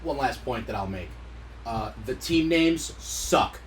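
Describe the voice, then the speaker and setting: A man's voice: medium pitch, animated, slow pace, slight background noise, low-quality recording. A man co-hosting a podcast, chatting casually about sports in a blunt, jokey way and swearing often. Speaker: podcast co-host.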